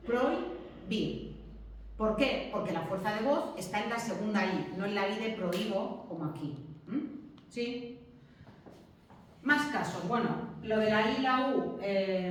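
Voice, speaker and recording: A woman's voice: medium pitch, slight background noise. A woman teaching a spelling lesson, explaining patiently and often checking that the class follows. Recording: very echoey room, from far off.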